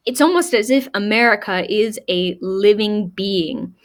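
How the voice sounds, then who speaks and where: A woman teacher talks through a speech in a recorded lesson. She speaks slowly and deliberately, at a middling pitch. She reads the quoted lines aloud with extra weight. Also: a bit bright. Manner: explains slowly, reads quotes aloud with emphasis, small laughs. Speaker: high school English teacher.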